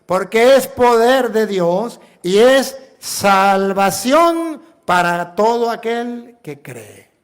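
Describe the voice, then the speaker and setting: Emphatic high-voiced Venezuelan priest preaching. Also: male voice, animated, very slow, hardly any pauses. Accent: Venezuelan Spanish. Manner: emphatic preacher, rhetorical questions and repetition. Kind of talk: sermon.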